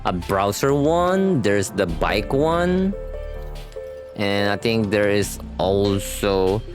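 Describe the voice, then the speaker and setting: Reading on-screen text aloud over game music, a male streamer chats casually with slangy asides as he reacts live to a game story. His voice sits on the low side, slow in pace, with big swings in pitch.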